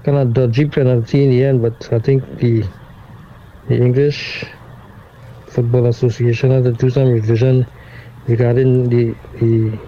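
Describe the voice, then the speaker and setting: A man calling in with a voice note that is played back over a speaker; he talks in a measured, hesitant way with many restarts. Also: medium pitch, level tone, dark tone. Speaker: caller sending a voice note. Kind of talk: voice message. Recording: dull lo-fi playback with faint noise.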